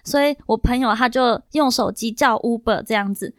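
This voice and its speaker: A young woman in her twenties with a Taiwanese Mandarin accent, a podcast guest telling a story in an animated, rambling way full of fillers. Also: a little high, moderate pace, dry recording, clean studio sound. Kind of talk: casual chat, storytelling.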